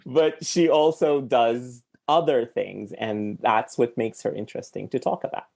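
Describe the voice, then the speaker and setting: Male podcast host, gravelly voice, mid-range pitch; casual and hesitant, feeling his way through each point. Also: steady tone, measured pace, a little mellow. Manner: hesitant, thinking aloud with many fillers. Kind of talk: casual film discussion.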